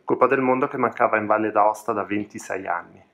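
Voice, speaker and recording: A man, the off-camera interviewer, putting brisk, leading questions to a guest. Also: fairly low pitch, a bit bright.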